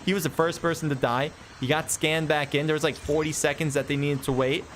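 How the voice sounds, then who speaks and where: A man doing live play-by-play commentary on an esports match, calling action quickly and excitedly with chatty asides to himself. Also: on the high side, a little hiss or hum. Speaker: esports caster. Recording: game gunfire and vehicles behind voice.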